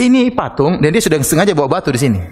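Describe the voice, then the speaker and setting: Man, preacher, animated storytelling sermon, conversational, somewhat high voice, reverberant hall. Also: racing. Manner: animated, acts out quoted dialogue with loud shouts; casual, conversational preaching with frequent "ya".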